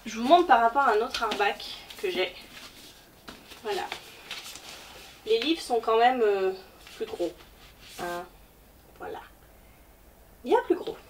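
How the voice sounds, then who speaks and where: A woman's voice: on the high side, animated, takes it slowly, long pauses. A woman presenting a casual book haul vlog, chatty and hesitant with lots of fillers. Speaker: book vlogger. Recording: distant mic, faint background noise.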